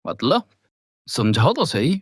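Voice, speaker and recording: A man's voice: mid-range voice, big pitch swings, slow, breathy edge, dry recording, studio quality, exaggerated voice. A man voicing a dismissive, impatient young husband in a cartoon. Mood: puzzled. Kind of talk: cartoon voice acting.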